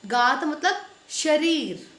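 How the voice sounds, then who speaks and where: A woman teacher with a high voice takes her class through word lists at an unhurried pace. She stresses each word and its spelling with care. Her voice rings in an echoey room. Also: lively intonation, fairly bright tone. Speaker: school Hindi teacher. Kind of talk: online class lesson.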